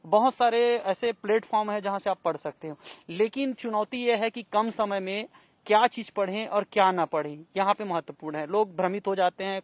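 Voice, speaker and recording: A man's voice: high-pitched, dry recording. A man interviewing a guest, who asks long, winding questions and adds frequent short acknowledgements.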